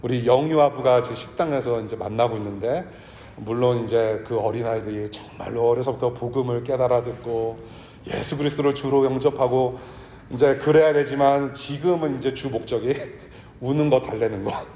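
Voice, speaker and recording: A man preaching a sermon to his congregation in a church, talking in a conversational way and sometimes dropping to a hush. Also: mid-range voice, fairly even intonation, moderate pace, a little hiss or hum. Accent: Korean with English words mixed in. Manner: conversational preaching, drops to a hush for tender lines. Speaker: pastor. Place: church sanctuary. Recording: echoey church hall.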